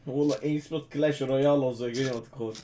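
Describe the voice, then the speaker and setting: A man's voice: mid-range voice, steady tone, fast talker, dark tone. A young man in casual, slangy, teasing banter as a streamer on a random video chat. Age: young adult. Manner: teasing, blunt. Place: small room indoors. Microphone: gaming headset. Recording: noisy webcam stream with clicks.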